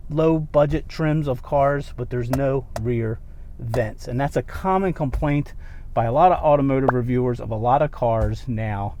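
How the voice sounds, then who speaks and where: A man's voice: medium pitch, mellow, slight background noise. A man giving a casual, off-the-cuff car review in a conversational, opinionated way, repeating words for emphasis, recorded on binaural microphones in and around a car.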